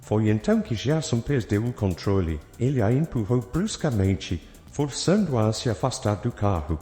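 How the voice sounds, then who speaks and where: A man's voice: fairly low pitch, very animated, normal speed, dark tone. A man narrating a dramatic, suspenseful story in a scripted style. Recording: echoey, with faint background music.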